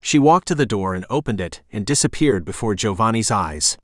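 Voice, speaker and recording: A man narrating a fantasy audiobook in a steady, even reading voice. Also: fairly low pitch, a little fast, no room sound, studio quality. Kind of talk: scripted narration.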